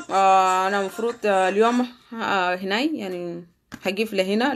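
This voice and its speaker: A woman teaching French in a live online lesson. She repeats phrases slowly for drilling, then chats quickly with viewers between them. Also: on the low side. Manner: slow, deliberate repetition of phrases for drilling; quick, conversational asides with fillers.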